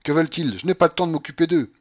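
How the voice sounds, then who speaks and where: An imperious old grandmother, as a male reader puts her on, barking orders in a high, swooping voice. She is impatient and commanding, pitched well above the reader's own tone. The recording sounds muffled and lo-fi. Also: expressive, brisk, fairly bright tone, no echo. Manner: commanding, impatient, shrill outbursts.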